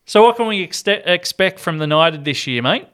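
A man's voice: high-pitched, expressive, normal speed, a bit bright, clear, resonant tone. A man with an Australian accent hosting a casual rugby league show in a matey, colloquial way. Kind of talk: casual sports chat.

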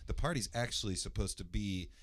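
A man from the Indianapolis area, USA, casually tells a long personal story, rambling with lots of fillers and restarts and clearing his throat. His voice is naturally loud and fairly low-pitched, and he speaks briskly.

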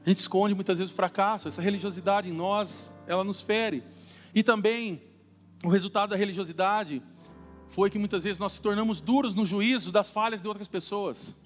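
A man's voice: high voice, moderate pace. A male Brazilian pastor giving a sermon in a church, chatty and humorous, acting out everyday quotes. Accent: Brazilian Portuguese. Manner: conversational preaching with acted-out everyday quotes. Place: church hall. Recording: reverberant church hall with faint music.

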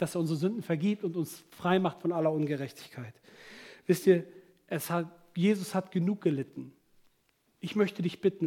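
A man's voice: high-pitched, warm tone. A man preaching a fervent sermon, addressing his congregation directly.

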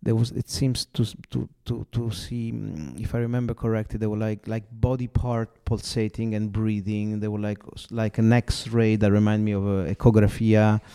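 A male interviewer with an Italian accent and a gravelly, mellow voice, a little low in pitch. He asks questions with enthusiasm, often tripping over his words and restarting. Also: fairly even intonation, normal speed, hardly any pauses. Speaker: interviewer host.

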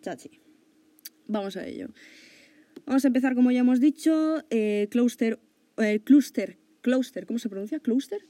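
A woman's voice: fairly high pitch, expressive, normal speed, long pauses, mellow, dry recording. A young woman from hosting a podcast in casual chat, talkative and laughing often, with casual swearing. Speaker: podcast host.

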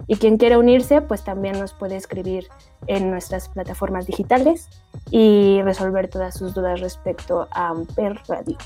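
A woman's voice: medium pitch, normal speed, warm tone, soft background music. A woman giving an earnest closing message on a radio show. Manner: earnest, thankful.

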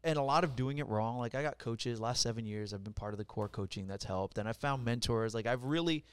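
Speaking as a podcast guest in an office studio, a middle-aged Puerto Rican mortgage lender gets blunt, profane and energetic in his stories during the casual interview. His mid-range voice is a little fast, clear and resonant, with no echo.

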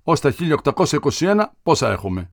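A man's voice: a little high, big pitch swings, vocal fry, dry recording, clean studio sound. A man reading aloud and voicing a grave, taciturn old captain recalling his childhood.

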